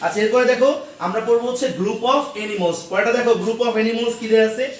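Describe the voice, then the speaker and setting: A high-pitched man leads an English lesson and keeps quizzing his class with repeated questions. He sounds far from the mic, and the classroom echoes heavily around him. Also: fairly even intonation, brisk, a little hiss or hum. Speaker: English teacher.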